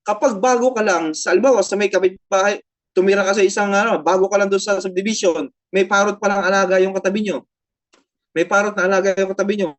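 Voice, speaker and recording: A woman's voice: medium pitch, steady tone, fast talker. A woman pastor with a Filipino accent, preaching a sermon, switching between Tagalog and English, repeating phrases and asking the congregation frequent tag questions.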